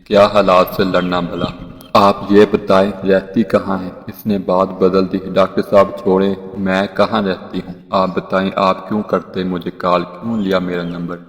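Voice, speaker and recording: A man narrating a first-person moral story, reading the dialogue in a slow, solemn way. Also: low-pitched, big-room sound.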